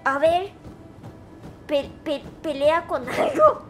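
A woman streaming casually, excitable and quick to shriek when startled, slipping into Japanese and English phrases. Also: high-pitched, music in the background. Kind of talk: casual live-stream chat.

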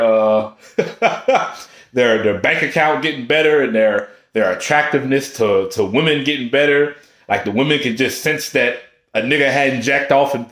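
A man's voice: mid-range voice, fairly bright tone. Profane, joking man in an echoey room. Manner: profane, joking, laughs often. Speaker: fitness vlogger. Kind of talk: casual vlog monologue.

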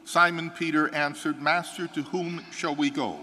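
An older American priest reading the gospel and then preaching a homily in an earnest, measured way that builds to firm conviction. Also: male voice, fairly high pitch, steady tone, pushed and bright, slight background noise. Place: large church sanctuary, seated before an altar. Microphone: fixed microphone at the altar. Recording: church reverb from the hall.

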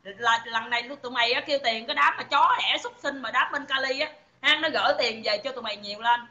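This woman, whose accent is Southern Vietnamese, talks fast in a fairly high voice, and the audio is dull and roomy. On her phone livestream she delivers an angry rant, cursing, taunting viewers, and yelling insults.

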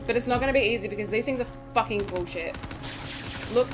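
A woman's voice: on the high side, quick pace, over loud music. A woman giving casual commentary over her own gameplay, nervous, swearing and pleading with the game. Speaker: gaming YouTuber.

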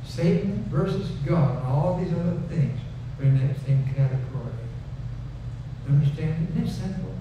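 At normal speed and with a voice on the high side, the older preacher talks through his sermon in a folksy way, leaning on repetition for emphasis before guiding a prayer. He's on a wood-paneled church stage with a headset mic at the pulpit, and the room echo, distance, dullness and noise are all noticeable.

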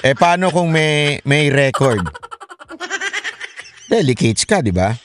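Bawdy Filipino comedian with a high voice. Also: male voice, expressive, slow pace, background noise. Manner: bawdy, laughing, talks straight to the women in the crowd. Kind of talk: stand-up comedy monologue.

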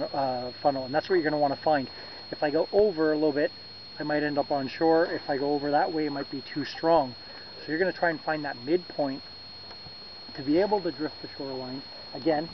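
A man in his thirties hosting a fishing vlog from a boat on a lake, explaining in a relaxed, casual way to a camera on a tripod. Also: a little high. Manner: relaxed, explanatory, gestures while talking, some fillers and self-corrections. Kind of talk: casual how-to talk to camera. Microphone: camera on a tripod a few meters away. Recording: dull lo-fi camera audio with wind noise.

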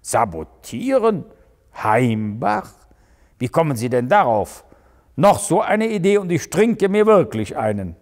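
A man's voice: on the high side, sing-song, unhurried, darkish tone, big-room sound, voice pushed up. A man voicing a tipsy, choleric male small-town mayor who blusters and trips over his words. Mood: indignant. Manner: blustering, slurring slips.

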